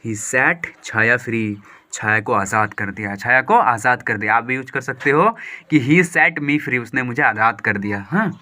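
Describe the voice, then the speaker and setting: A man reading a story aloud slowly, line by line, and explaining each word and phrase in quick, lively Hindi as a teacher. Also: mid-range voice. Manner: slow deliberate reading of English lines, then quick lively Hindi explanation. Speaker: English teacher.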